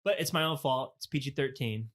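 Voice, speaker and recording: A man in his thirties co-hosting a podcast, chatting casually. He tells stories with energy, acts out the lines he quotes, and swears freely. His voice sits at an ordinary middle pitch. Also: brisk. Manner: animated storyteller acting out quotes, swears freely. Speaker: podcast co-host. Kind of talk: casual chat.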